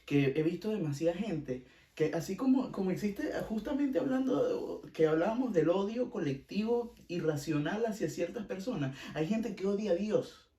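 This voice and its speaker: Opinionated venezuelan guy hosting a podcast, kinda high voice, sounds off-mic in an echoey room. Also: lively intonation, normal speed, few pauses, warm tone, far from the mic. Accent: Venezuelan Spanish. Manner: opinionated, blunt, repeats himself for emphasis. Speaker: podcast host. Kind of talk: casual opinion podcast chat.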